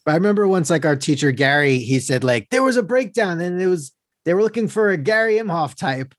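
A man hosting a casual chat, relaxed and rambling, with jokey asides. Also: a little high, brisk, dry recording, clean studio sound.

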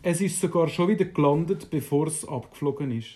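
A woman with a Swiss German accent telling an improvised bedtime story in a relaxed, rambling way. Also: low-pitched, fairly quick. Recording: roomy, echoey.

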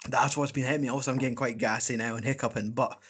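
A man's voice: mid-range voice, steady tone, quick pace, fairly bright tone, husky. A man co-hosting a casual beer podcast, bantering in a joking, blunt way. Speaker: podcast co-host. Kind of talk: casual chat.

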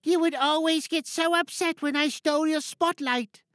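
A man's voice: very high-pitched, steady tone, moderate pace, a bit bright, no echo, studio quality, pitched above the performer's own voice. A man voicing a young girl cartoon piglet, speaking in a childlike way. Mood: wistful, confiding. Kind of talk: dramatic monologue reading in character.

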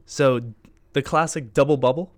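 A man's voice: mid-range voice, fairly even intonation, normal speed. A man co-hosting a casual podcast, playful and rambling, sometimes fumbling his words. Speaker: podcast co-host. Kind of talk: casual chat.

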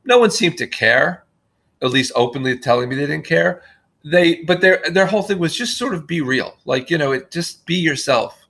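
A man's voice: fairly high pitch, animated, normal speed, vocal fry, a bit bright. A man being interviewed on a podcast, talking in a rambling, self-deprecating way with frequent restarts. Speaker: guest filmmaker. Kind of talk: casual podcast conversation.

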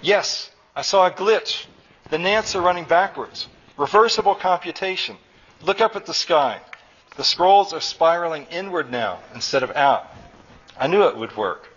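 A man voicing an excitable male inventor who talks in excited, whooping bursts, on a dull lo-fi live recording. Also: mid-range voice, moderate pace, few pauses, breathy edge.

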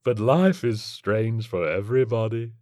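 A drawling, unbothered tentacled alien with a lilt,. His slow speech swoops up and down in a lively way, and the recording is close and dry. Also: on the low side, no room sound. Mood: laid-back. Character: laid-back male tentacled alien, stoner-casual.

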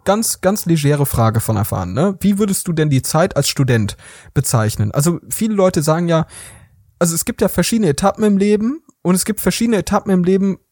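Young guy on a podcast telling a story, high bouncy voice, kinda husky, dry close mic. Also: brisk, no echo. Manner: animated, acts out quoted people in shifting voices. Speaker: podcast co-host. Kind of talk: casual chat, storytelling.

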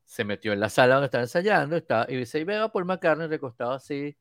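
A man, co-hosting a podcast and telling an anecdote in casual chat, lively and acting out the voices he quotes. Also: mid-range voice, quick pace, no room sound, studio quality. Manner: animated storyteller, acts out quoted voices.

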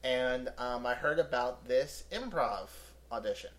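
Male improv comedian as podcast guest, casual, anecdotal, mid-pitched. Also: expressive, a little slow, a bit bright. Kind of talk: casual chat, personal anecdotes.

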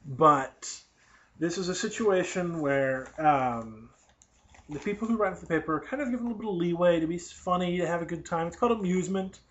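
A young man with a high, slightly bright voice talks a little fast as he hosts a podcast, reading a college newspaper aloud and sarcastically tearing into it while wandering off on tangents. It's casual live commentary on a dull lo-fi recording.

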